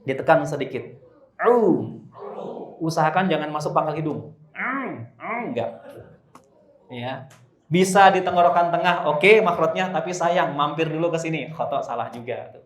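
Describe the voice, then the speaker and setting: A man teaching Quran recitation to a congregation, drawing out slow chanted verses and joking between drills. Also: a little high, animated. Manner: demonstrates slow drawn-out recitation, joking asides. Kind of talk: live tajwid class with congregation. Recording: echoey room.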